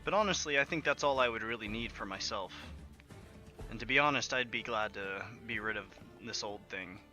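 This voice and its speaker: A man voicing a weary, resigned woman who keeps an old tavern, speaking pleasantly with hesitant pauses. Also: fairly low pitch, sharp tone, soft background music. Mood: friendly. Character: weary middle-aged woman tavern keeper.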